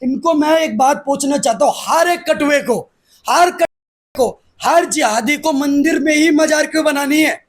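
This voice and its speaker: A man's voice: extremely high pitch, a little slow. A man, speaking aggressively and defiantly as the guest in a heated political interview. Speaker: interviewee, activist.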